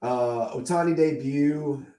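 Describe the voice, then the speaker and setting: A man's voice: medium pitch, takes it slowly, warm tone. Man losing his voice, echoey room. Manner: enthusiastic, opinionated collector talk. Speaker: podcast co-host. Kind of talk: casual chat.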